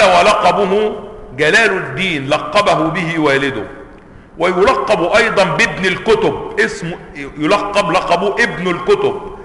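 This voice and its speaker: A man with an Egyptian accent teaching a religious lesson, his voice high and bright. He reads from a classical text and stretches words out for emphasis. Long reverb from a roomy hall trails behind him. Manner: stretches words for emphasis, switches to colloquial asides. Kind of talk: religious lesson, reading a book aloud and explaining it.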